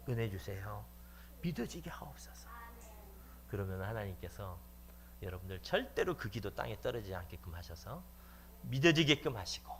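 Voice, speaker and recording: Animated male pastor preaching a sermon. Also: lowish voice, a little hiss or hum. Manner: animated storytelling, emphatic exhortation. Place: church sanctuary.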